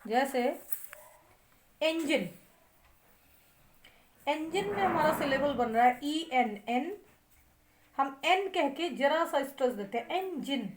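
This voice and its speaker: A woman teaching a lecture, spelling words out letter by letter and drawing out syllables slowly, with an Indian English accent on English words. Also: high voice, animated, slight background noise. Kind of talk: classroom lecture.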